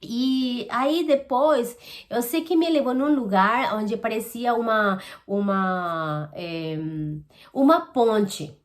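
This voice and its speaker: Woman, slightly high voice, earnest and halting personal testimony. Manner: earnest, halting retelling with many restarts. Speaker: testimony giver.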